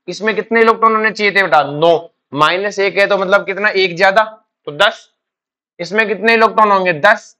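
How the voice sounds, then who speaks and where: Male chemistry teacher, high bright voice, rapid-fire questions to students, answers them himself. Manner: quizzing students with repeated questions; calls students "beta". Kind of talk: classroom lecture.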